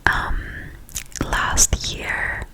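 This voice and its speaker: Pure whisper, unhurried pace, breathy, casual ASMR ramble, close ear-to-ear mic. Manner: slow, soft, hesitant rambling delivery. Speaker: ASMR video creator. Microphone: close, highly sensitive ear-to-ear stereo microphone.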